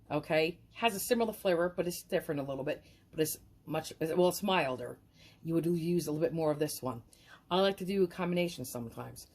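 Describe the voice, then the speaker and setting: Enthusiastic woman cooking on camera. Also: fairly low pitch. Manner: enthusiastic, repeats "guys" and praise words. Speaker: home cooking vlogger. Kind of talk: casual cooking demonstration.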